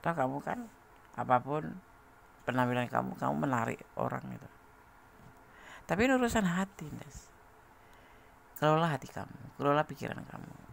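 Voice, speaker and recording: A man's voice: medium pitch, lively intonation, moderate pace, gravelly, pauses often, a little hiss or hum. A man giving a casual tarot reading, chatty and laughing often as he talks straight to the listener. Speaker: tarot reader.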